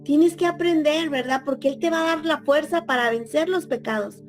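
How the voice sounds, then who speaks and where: A woman's voice: high voice, normal speed, faint music behind. A middle-aged Mexican woman teaching a church Bible class in a chatty way, often adding tag questions.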